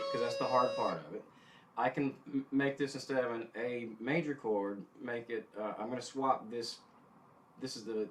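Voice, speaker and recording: A middle-aged man giving an informal guitar lesson, thinking aloud haltingly and correcting himself as he goes, with an easygoing, self-deprecating way. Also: fairly low pitch. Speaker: guitar instructor. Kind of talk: informal instructional demonstration with music theory. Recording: guitar playing behind the voice. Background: guitar notes being tapped.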